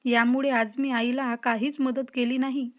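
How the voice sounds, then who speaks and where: A shy young college woman, read by a woman narrator answers defensively and scolds lightly. The voice is high and stays level, told as a storybook reading. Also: flat delivery, moderate pace, lightly acted. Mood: flustered.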